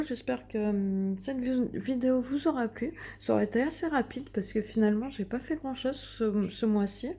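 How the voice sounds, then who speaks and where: A woman's voice: a little high, warm tone. A young woman showing her finished coloring pages in a casual vlog, chatty and hesitant with many fillers and restarts, sitting at home in front of a window. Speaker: coloring vlogger. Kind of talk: casual show-and-tell vlog.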